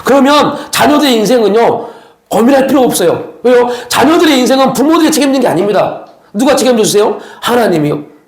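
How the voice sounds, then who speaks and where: High-voiced male pastor preaching, echoey hall. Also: expressive, fast talker. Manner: preaching with rhetorical questions and acted quotes. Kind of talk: sermon. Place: church sanctuary.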